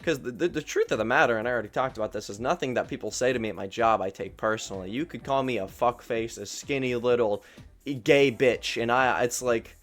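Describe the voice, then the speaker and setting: A young man with an average-pitched voice rambles through a true story, swearing freely and making fun of himself. Faint music plays behind him. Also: fairly quick, fairly bright tone. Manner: rambling, profane, self-deprecating. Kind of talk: casual storytelling rant.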